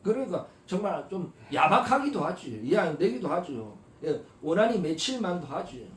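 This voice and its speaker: A male pastor preaching a sermon, constantly asking the congregation rhetorical questions and swinging between soft asides and loud, emphatic exhortation. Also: high-pitched, very animated, normal speed. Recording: echoey hall, voice from far off.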